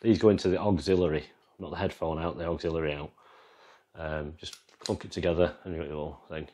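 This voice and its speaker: A very deep-voiced English man talks through his band's live mixer in a loose, rambling way, pointing things out as he films it freehand. His voice sits extremely low and comes from a handheld camera. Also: fairly even intonation, a little fast, mellow. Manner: rambling, explains as he goes. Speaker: vlogger and band musician. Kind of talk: casual walkthrough demo.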